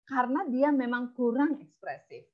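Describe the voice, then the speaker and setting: A woman teaching storytelling in a webinar, speaking in a lively, expressive way. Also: high-pitched, normal speed. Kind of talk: webinar lesson. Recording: dull lo-fi webinar audio.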